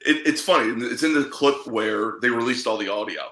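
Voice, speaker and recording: Sarcastic male sports podcast co-host, bright forceful voice, roomy echo around him. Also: mid-range voice, a little fast. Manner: blunt, sarcastic, opinionated. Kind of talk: casual sports chat.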